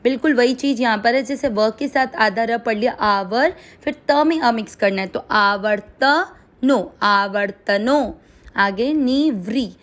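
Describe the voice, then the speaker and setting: A woman with a Hindi accent teaching Sanskrit pronunciation, breaking words into syllables and drilling them slowly and carefully. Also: fairly high pitch. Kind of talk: pronunciation lesson.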